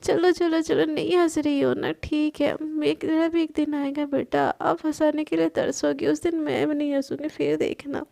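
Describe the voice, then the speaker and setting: Storybook role: playful young woman, high and gravelly, teasing, read by a woman narrator. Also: flat delivery, moderate pace, few pauses, dark tone. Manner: teasing, chatty.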